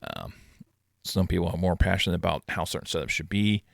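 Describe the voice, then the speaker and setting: A middle-aged man hosting his own sports channel, rambling casually in a self-described monotone. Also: low-pitched, brisk, gravelly, no echo, clean studio sound. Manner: rambling, self-deprecating, calls himself monotone. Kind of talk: casual commentary vlog.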